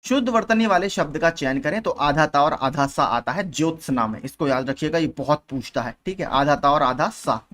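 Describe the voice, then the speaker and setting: A man's voice: fairly high pitch, normal speed, few pauses, a bit bright. A young man teaching as a channel host, patiently working through exam questions one by one and often repeating key points. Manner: patient, repeats points, frequent "theek hai" checks.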